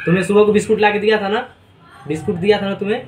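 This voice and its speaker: A man's voice: high voice, steady tone, rapid-fire, distant mic, very noisy. A man casually talking to his pet birds, coaxing and teasing them with the same questions over and over. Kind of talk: casual talk to pets. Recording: roomy, from off mic, loud bird squawks behind. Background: parrots squawking.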